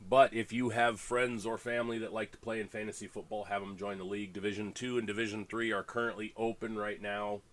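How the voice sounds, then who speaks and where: A man's voice: fairly low pitch, level tone, a little fast, hardly any pauses, fairly bright tone. A congested man hosting a fantasy football draft livestream, chatting casually and rambling with lots of fillers and restarts. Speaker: fantasy league host.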